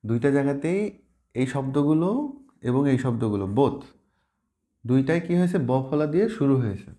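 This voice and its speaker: Man teaching, dark mellow voice. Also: mid-range voice, lively intonation. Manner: patient, repeats words and letters slowly; mixes in English words while explaining. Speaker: language teacher. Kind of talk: spoken pronunciation lesson.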